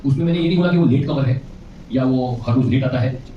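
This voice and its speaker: A man's voice: mid-range voice, fast, far from the mic, a little hiss or hum. A male relationship coach giving a seminar lecture, quizzing the audience and often chuckling. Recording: echoey, muffled hall recording from afar.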